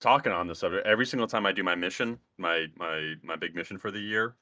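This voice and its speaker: Deep-voiced man, bright and crude. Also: fast talker, no echo, studio quality. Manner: rambling, crude joking. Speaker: podcast co-host. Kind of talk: casual podcast banter.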